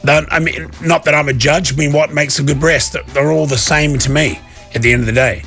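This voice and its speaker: A man with a New Zealand accent doing rambling, deadpan comic banter as a casual radio host. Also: on the high side, brisk, faint music behind.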